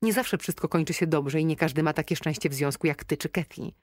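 A woman's voice: low-pitched, fast talker, no echo, clean studio sound. A woman voicing a weary, heartbroken young woman. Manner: tired, strained voice, sniffling. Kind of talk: audiobook character voice.

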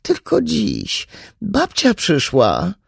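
A man doing a pleading high-voiced mother. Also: wildly swooping pitch, very slow, creaky, husky, dry recording, clean studio sound, exaggerated voice. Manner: pleading, coaxing. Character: pleading middle-aged mother calling through a door.

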